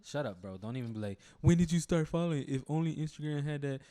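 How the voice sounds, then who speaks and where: A young American man co-hosts a podcast, chatting loosely with jokes, swearing and lots of fillers. His voice is on the high side with a dark tone, and he talks quickly with lively intonation.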